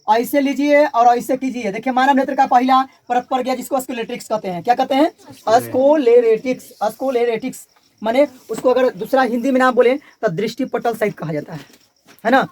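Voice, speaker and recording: A man's voice: very high-pitched, fairly quick. A male teacher with a Bihari Hindi accent giving a classroom physics lecture, repeating key terms and asking the class to call them back.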